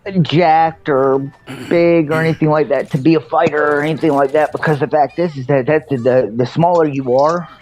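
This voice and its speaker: A man in his thirties chatting on a podcast, explaining things in a steady, storytelling way. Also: on the high side, fairly quick. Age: 30s. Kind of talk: casual chat. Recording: dull lo-fi call audio.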